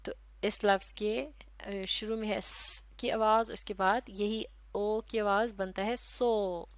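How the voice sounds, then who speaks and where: A woman's voice: mid-range voice, fairly even intonation, no room sound. Patient woman teacher drilling vowel sounds. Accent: Pakistani Urdu. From Pakistan. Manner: slow, repeats each sound several times; patient, explains step by step. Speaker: English teacher. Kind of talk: recorded phonetics lesson.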